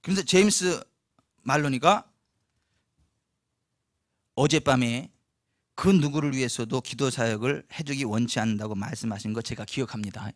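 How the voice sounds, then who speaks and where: A man preaching a storytelling sermon as pastor in a church, animated, acting out the people in his story. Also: mid-range voice, normal speed, long pauses, dry recording, studio quality. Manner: animated, acts out quoted voices, laughs often.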